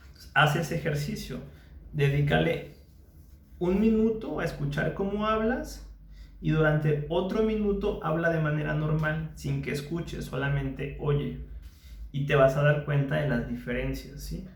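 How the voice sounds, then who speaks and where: A man's voice: a little high, a little slow, gravelly, reverberant. A man, a psychologist, teaching a mindfulness lesson patiently, repeating his phrases and checking in with the listener by asking small questions.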